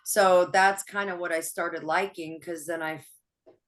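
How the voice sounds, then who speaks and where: A woman's voice: lowish voice, steady tone, unhurried. A woman being interviewed as a guest, talking openly about her life, laughing often and restarting her sentences. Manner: open, laughs often, soft-spoken with frequent restarts. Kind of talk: personal interview.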